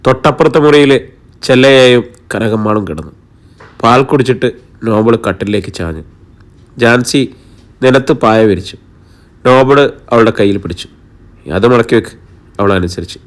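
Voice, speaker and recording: A man calmly narrating an audiobook as a storyteller. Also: medium pitch, normal speed, pauses often.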